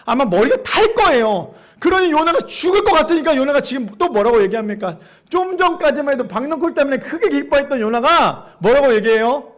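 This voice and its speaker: A man's voice: very high voice, expressive, a little fast, fairly bright tone. A man preaching a sermon as pastor, emphatic, often quizzing the congregation.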